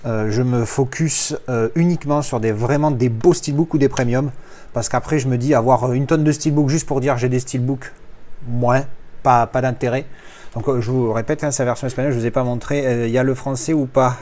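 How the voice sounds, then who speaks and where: A man's voice: medium pitch, steady tone, a little fast, a little mellow. A man from talking casually through an unboxing, rambling with frequent fillers and restarts. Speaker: collector unboxing films.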